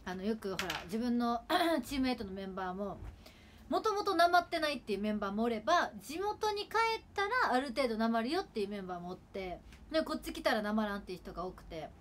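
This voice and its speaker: A woman's voice: a little high, big pitch swings, fast talker, slight background noise. A woman in her twenties from Kagawa, speaking in Kagawa dialect, rambling chattily during a casual livestream at home with her sister. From Kagawa, Japan. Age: 20s. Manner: rambling, chatty, with frequent fillers. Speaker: idol livestreamer.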